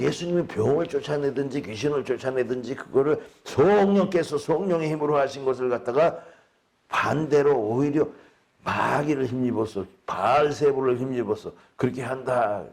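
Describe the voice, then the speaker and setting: A man's voice: mid-range voice, vocal fry, darkish tone. A male pastor preaching a sermon in an emphatic way, asking the congregation rhetorical questions.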